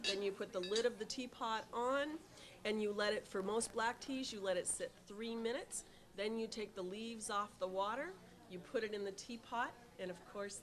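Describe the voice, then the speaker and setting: A woman's voice: mid-range voice, fairly bright tone. A middle-aged woman who runs a tea shop, answering interview questions with many ums and restarts and an eager tone.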